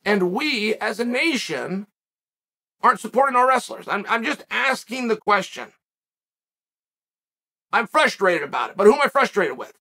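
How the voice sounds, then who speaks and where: Forceful ranting male commentator. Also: sits high, sing-song, moderate pace, pauses often. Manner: emphatic, ranting, repeats phrases for effect. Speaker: podcast host. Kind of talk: opinion commentary.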